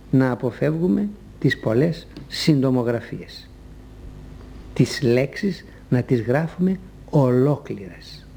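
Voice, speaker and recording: A man giving a measured, didactic scripted talk on correct usage, spelling out letters as a language teacher. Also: mid-range voice, gravelly, warm tone, slight background noise.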